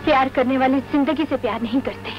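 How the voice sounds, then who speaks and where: A determined young woman in love, played by a woman in an old film, earnest and high-pitched. The dialogue track is dull and lo-fi, with music beneath it. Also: lightly acted. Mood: defiant.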